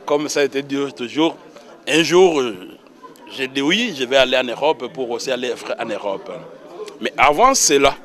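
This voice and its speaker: A church minister with a Congolese accent gives a personal testimony in a religious interview, recounting his calling. His voice is mid-range and a bit bright, at normal speed.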